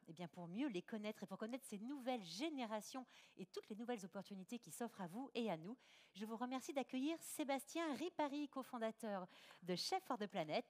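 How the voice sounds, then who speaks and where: Higher-voiced woman announcing on stage. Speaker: event presenter.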